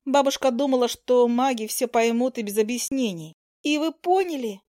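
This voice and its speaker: A woman's voice: a little high, moderate pace, mellow, dry recording, clean studio sound, lightly acted. A woman voicing a shy young werewolf girl who talks timidly and stammers, in a storybook reading. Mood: shy, nervous.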